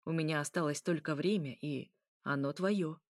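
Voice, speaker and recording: A woman reading aloud voices a male vampire who speaks calmly and coolly, with a gently mocking edge. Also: low voice, normal speed, dry recording, studio quality, natural voice. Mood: tender. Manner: calm, cool, gently mocking. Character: smooth, calm, teasing male vampire.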